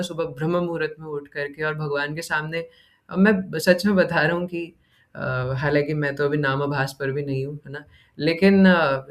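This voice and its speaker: Man giving a chatty scripture class. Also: fairly high pitch. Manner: keeps asking "है ना?" as a tag question; mixes in English words and recites verses. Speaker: devotional class speaker.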